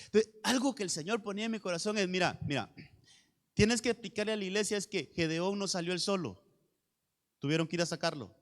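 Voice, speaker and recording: A man preaching a sermon as pastor, fervent, building to loud shouted passages and repeating phrases back and forth. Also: high voice, brisk, big-room sound. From Honduras. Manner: fervent preaching with rising shouts and call-and-response repetitions. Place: church sanctuary.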